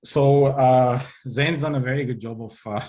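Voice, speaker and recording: A man's voice: mid-range voice, fairly even intonation, moderate pace, a little mellow. A man presenting on a video call webinar, speaking hesitantly with many filler sounds. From South Africa. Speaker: webinar presenter, investment advisor. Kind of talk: online business webinar talk. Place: home or office in London, remote.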